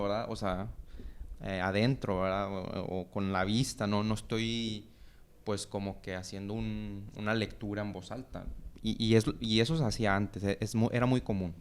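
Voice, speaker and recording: Man with a smooth voice explaining. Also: mid-range voice. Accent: Mexican Spanish. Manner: explanatory, friendly, with many fillers and tag questions. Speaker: podcast co-host teaching Bible. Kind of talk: casual Bible teaching chat. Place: church podcast studio.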